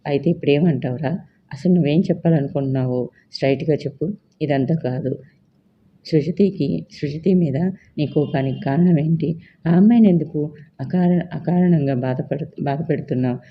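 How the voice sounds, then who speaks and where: A storyteller voicing a stern middle-aged mother who scolds her son with sharp questions. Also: mid-range voice, normal speed, highs cut off, a little hiss or hum, close to an everyday voice. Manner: demanding, reproachful questions.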